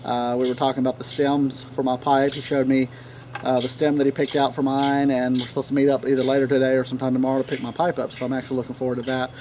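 With a dark-toned, monotone voice of average male pitch, the Tennessee pipe tobacco reviewer rambles at an easy pace, often stopping to pause. Recorded by a camera a few feet away on an outdoor wooden deck in a leafy yard, the clip carries light natural ambience, birdsong, an occasional barking dog, and a little hiss or hum.

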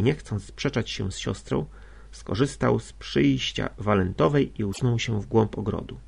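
A man reading classic prose as an audiobook narrator, in a measured, even manner. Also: lowish voice, gravelly, slightly rough. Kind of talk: scripted narration.

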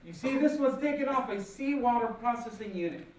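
Male stage orator, rehearsed and deliberate formal speech, measured phrases, recorded in a very echoey auditorium from a distance. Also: very high voice, animated. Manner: deliberate, rehearsed-sounding delivery in short measured phrases with dramatic pauses. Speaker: guest speaker at a speech competition. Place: large auditorium stage, indoors. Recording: very echoey hall, distant, faint noise.

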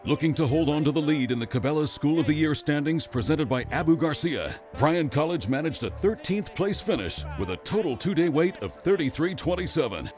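A man's voice: on the high side, expressive, fairly quick, hardly any pauses, darkish tone, soft background music. A man giving scripted voice-over narration for a fishing tournament broadcast.

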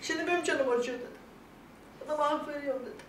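In an emotional, casual vlog chat about her illness, an older woman speaks rapidly in a high-pitched voice, crying at one moment and laughing the next while quoting others. Sound comes from some distance in an echoey space, with a faint background hum.

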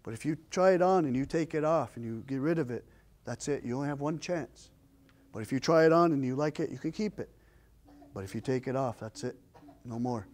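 A man's voice: medium pitch, brisk, a little mellow. A man telling a traditional story in a folksy, repetitive oral style. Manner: folksy, repetitive, rising with the action.

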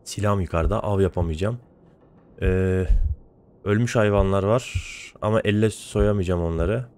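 A gaming channel host delivers let's play commentary while he plays, talking to himself and swearing often in exasperation. His low voice is smooth and darkish, at a moderate pace.

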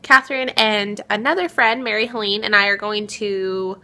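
Young female vlogger, bright, chatty, holding a camera at arm's length. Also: medium pitch. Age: young adult. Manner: chatty, upbeat, quick asides to camera. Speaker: beauty vlogger. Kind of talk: casual vlog chat.

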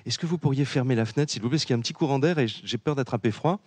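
A man's voice: mid-range voice, very fast, dry recording, lightly acted. A man voicing a fussy, polite woman who keeps making small requests.

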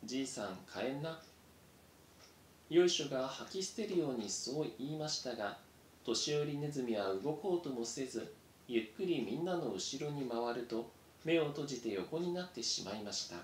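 A man reading a children's adventure story aloud in an even, measured way. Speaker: reader. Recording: roomy echo, faint rumble.

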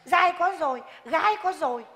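In a live comedy skit, a comic stage actress plays a bossy village woman scolding and lecturing her pregnant neighbor. Her voice is extremely high, animated and moderately paced, delivered loud and exaggerated in a reverberant live stage hall.

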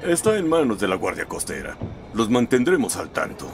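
An actor playing an older, measured and blunt police officer in a dubbed film, gravelly. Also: male voice, on the low side, big pitch swings. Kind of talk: dubbed film drama acting. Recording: film scene with noisy outdoor ambience.

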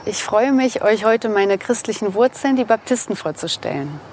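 A woman in her thirties from eastern Germany, calmly presenting to camera outdoors on a lapel mic. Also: medium pitch, normal speed, a little hiss or hum. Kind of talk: scripted explainer to camera. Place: outdoors in a sunny park.

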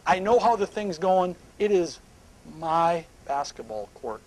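A middle-aged man speaking at a live seminar on a small indoor stage, emphatic and animated, sometimes dropping to hushed asides. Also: high voice, a little slow, poor audio.

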